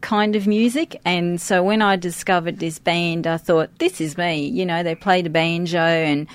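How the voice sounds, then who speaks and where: In a conversational interview, a middle-aged woman from a church worship team, who grew up outside Australia and speaks English as a second language, thinks aloud in a casual way. Her low voice is clear and resonant, with a steady tone at a moderate pace.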